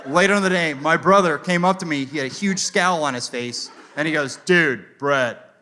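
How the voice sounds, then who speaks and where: A young man doing a stand-up comedy set on stage, telling a story with animated delivery and deadpan asides. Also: on the high side, a little fast. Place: comedy stage before a live audience. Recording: live show with loud audience laughter.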